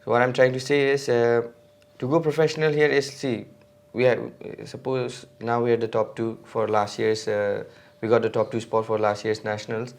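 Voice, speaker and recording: He's an Indian man in his 20s who races mountain bikes, speaking as a podcast guest at a moderate pace with hardly any pauses. The medium-pitched voice carries vocal fry and a level tone, and his casual delivery is hesitant, packed with fillers and restarts.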